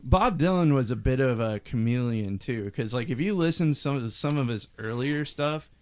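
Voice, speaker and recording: Smooth-voiced man telling music stories. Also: mid-range voice, expressive, normal speed. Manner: rambling storyteller, mimics singing and quotes. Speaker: podcast co-host. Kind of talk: casual album discussion.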